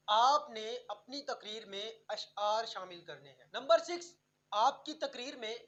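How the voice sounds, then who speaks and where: A woman narrating a scripted tutorial on public speaking, counting off numbered tips in a clear, instructive way. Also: a little high, fairly bright tone, highs cut off.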